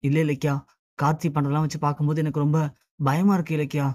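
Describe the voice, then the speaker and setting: An anxious older mother-in-law asks pleading questions, as the narrator reads her part. The voice is mellow and warm. The sound is dry. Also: medium pitch, level tone, fast, no room sound, close to an everyday voice. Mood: distressed.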